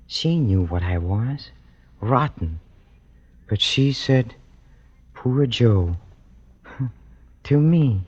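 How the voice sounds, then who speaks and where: A male actor with a medium-pitched voice plays a lonely, unhinged young killer in a 1940s-50s radio thriller, brooding and self-pitying. He speaks haltingly and obsessively, repeating himself. The vintage radio recording sounds dull.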